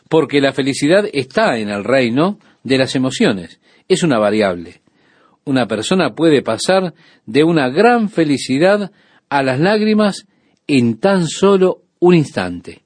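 A man giving a radio sermon, preaching calmly and measuredly with frequent pauses. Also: a little high, breathy edge, no room sound. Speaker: radio Bible teacher.

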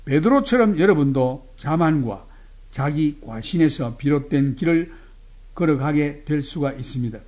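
A man preaching a sermon in a measured, earnest way, voicing the quoted lines with feeling. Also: fairly high pitch, darkish tone.

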